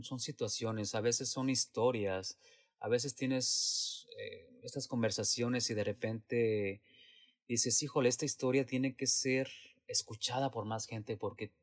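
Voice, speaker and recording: A man who works in theater answers interview questions in a reflective, hesitant way, with many restarts and fillers. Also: mid-range voice. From Latin America. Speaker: theater actor and producer.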